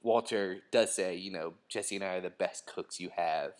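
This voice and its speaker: A man's voice: deep voice, normal speed. Joking young man chatting a show over. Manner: joking, does mock impressions. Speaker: podcast co-host. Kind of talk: casual commentary chat.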